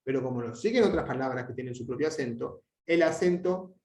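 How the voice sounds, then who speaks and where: A man teaching a language lesson, explaining at length with frequent restarts and fillers, and drawing out his example words slowly. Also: medium pitch, a little mellow. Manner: hesitant, many restarts and fillers. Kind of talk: explanatory lecture. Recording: echoey room.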